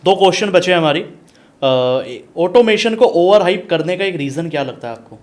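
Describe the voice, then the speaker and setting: A man hosting a business podcast, asking quick-fire questions and answering with short affirmations. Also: sits high, animated. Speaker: podcast host, business coach.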